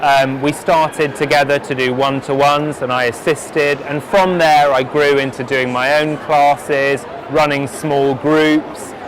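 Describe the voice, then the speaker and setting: A man who trains dogs and teaches primary school, giving an earnest, measured testimonial interview with frequent restarts. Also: fairly high pitch, steady tone, slight background noise, low-quality recording. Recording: clear background music.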